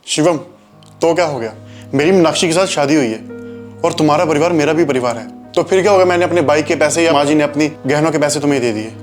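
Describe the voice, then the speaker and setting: An actor playing a kind young husband who talks calmly and reasons with his wife. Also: on the high side, quick pace, soft background music, natural voice. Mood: calm, patient. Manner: calm, reasoning, soothing. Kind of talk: short film acting.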